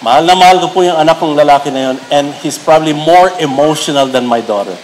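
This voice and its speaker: A middle-aged Filipino pastor preaching a sermon, mixing Tagalog and English and rising to emphatic peaks. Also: male voice, fairly high pitch, fast talker, slight background noise, rough recording. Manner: switches between Tagalog and English, builds to raised emphatic peaks.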